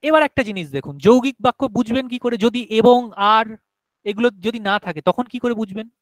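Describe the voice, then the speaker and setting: A man's voice: sits high, normal speed, no echo, poor audio. A male teacher giving a grammar lesson to a class, explaining step by step and often asking whether everyone has understood.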